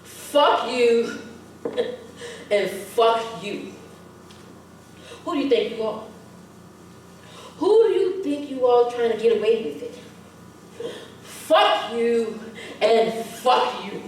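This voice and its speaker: A woman's voice: a little high, lively intonation, takes it slowly, pauses often, slight background noise. A woman actor playing a furious, foul-mouthed New woman, delivering a scornful stage monologue. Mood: cursing. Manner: profane, scornful, emphatic. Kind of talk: theatrical monologue. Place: theater stage. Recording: echoey stage from a distant mic.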